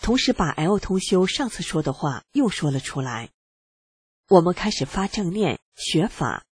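A reader calmly and earnestly narrating a personal account in the first person, with a husky voice. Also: medium pitch, normal speed, no echo. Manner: calm, earnest reading.

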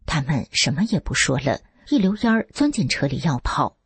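A woman with a very husky, breathy voice reads a first-person story aloud. Her pitch sits in the middle but moves a lot as she acts out each quoted line. The sound is dry and close, with no room echo. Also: moderate pace. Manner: acts out quoted dialogue with raised, lively pitch. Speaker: narrator.

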